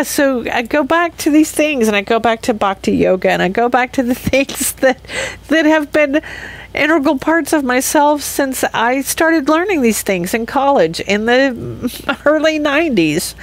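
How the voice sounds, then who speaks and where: A woman in her fifties hosting her own podcast in a loose, candid solo chat that rambles with frequent laughs and restarts. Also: high-pitched. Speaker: podcast host.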